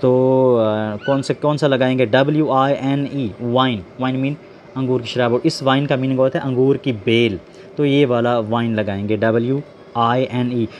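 A man teaching English vocabulary, explaining slowly, spelling words out letter by letter and asking his students questions. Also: medium pitch, fairly even intonation, a little hiss or hum. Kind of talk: classroom lesson explaining word pairs.

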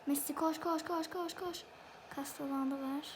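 A high-pitched woman chats her way through a football video game, excitable and quick to squabble with the referee. A faint background hiss runs under her voice. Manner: excitable, exclaims and argues with the referee. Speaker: gameplay video host. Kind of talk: live football game commentary.

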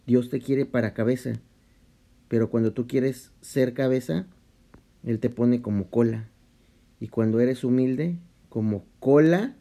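A vlogger walks through a Bible study in a loose, halting way, restarting often and mixing in English slang. His medium-pitched voice is dark-toned with vocal fry.

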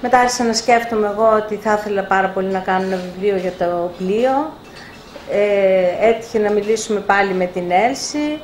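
An older woman publisher telling lively anecdotes in an interview, acting out the dialogue. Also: mid-range voice. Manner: animated anecdotes with acted-out dialogue. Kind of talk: storytelling in a live interview. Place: bookshop event room. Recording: echoey room, faint background noise.

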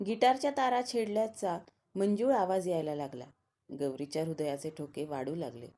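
A woman storyteller narrates an audiobook story. Her voice is fairly low and mellow, and she reads in a measured, expressive way.

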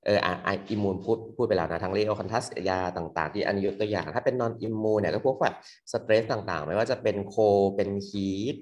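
A young man tutoring medical students in a loose, quick exam review full of fillers. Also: fairly low pitch, a little mellow. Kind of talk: casual exam review lecture. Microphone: computer mic on a screen recording.

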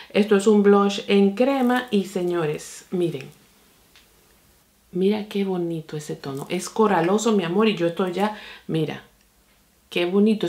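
A woman beauty vlogger chatting excitedly through a product review, calling her viewers friends. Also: medium pitch.

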